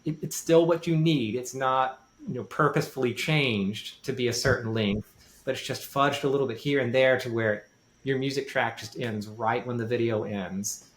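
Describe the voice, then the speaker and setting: A male podcast guest with a music background talks casually at a moderate pace in a medium-pitched voice, explaining things in detail. He often repeats and rephrases himself for emphasis, and the recording sounds roomy and echoey.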